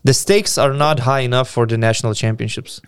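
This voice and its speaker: A man's voice: medium pitch, a little fast, smooth, no echo, studio quality. A man co-hosting a basketball podcast, giving emphatic opinions in casual discussion and often repeating his point.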